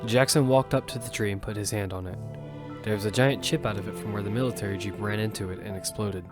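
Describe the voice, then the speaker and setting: Over music, a man speaks fast in a voice on the low side, his tone steady and lightly acted. He is both narrator and lead of this audio fiction, a battle-hardened survivor who leads his team and recounts events in grim first person with a steady mood.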